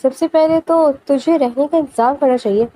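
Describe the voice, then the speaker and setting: A woman's voice: high voice, mellow, close to an everyday voice, rough recording. Woman reading as a teasing young buddy. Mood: teasing casual. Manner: teasing, casual. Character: joking young male friend, teasing.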